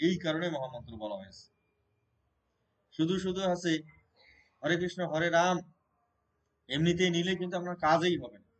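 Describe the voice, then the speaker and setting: Male Gita teacher, fairly high voice, patient questioning delivery at a temple class. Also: rough recording. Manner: explains by questioning listeners, repeats and restarts. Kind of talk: devotional scripture class. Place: Shiva temple gathering.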